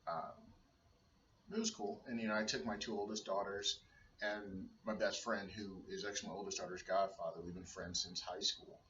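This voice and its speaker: In this home vlog, a thirty-something father rambles hesitantly, stumbling through fillers and restarting often. He speaks flatly at a moderate pace with a sharp tone. Recorded in a dim room at home, the audio is roomy, distant, dull and low-fi, with slight hiss or hum.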